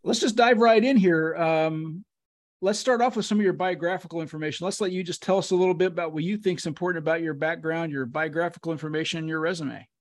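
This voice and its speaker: A man hosting an interview podcast, his voice gravelly and squeaky from a bad head cold. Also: steady tone, fast talker. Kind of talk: prepared podcast introduction and interview questions.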